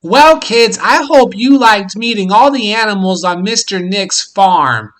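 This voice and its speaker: A man with a very bright, forward voice hosts a children's learning show. He speaks slowly and simply, as if reading to a toddler, with encouraging, animated emphasis on key words. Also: high-pitched. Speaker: host of a children's farm show. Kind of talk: educational talk for young children.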